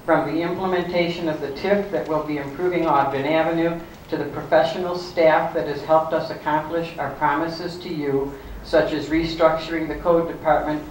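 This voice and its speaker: A woman's voice: sits low, a little mellow. A woman delivers a prepared closing statement as a local candidate. Her voice is picked up from a distance in a heavily echoing hall with faint noise. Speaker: village board candidate.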